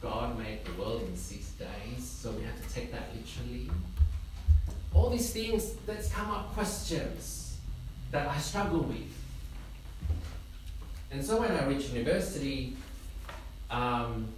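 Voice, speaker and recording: A man's voice: mid-range voice, very animated, slow pace. A young man from Indonesia preaching as a guest in a church, friendly and self-deprecating with jokes along the way. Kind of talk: sermon with humor. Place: church sanctuary. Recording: echoey church from far off, noisy.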